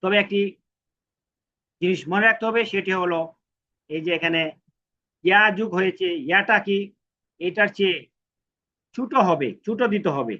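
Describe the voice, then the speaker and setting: A man teaching a language lesson, chanting syllables in slow repetition and asking and answering his own questions. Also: high-pitched, sharp tone, lo-fi sound, slight background noise. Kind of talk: recorded alphabet lesson.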